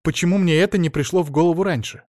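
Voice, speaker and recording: A man's voice: fairly high pitch, fast talker, dry recording, clean studio sound, voice pushed up, lightly acted. A man reading an audiobook, voicing a flustered, anxious woman who talks in a rush. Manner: excited and flustered. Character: anxious flustered woman talking fast on the phone.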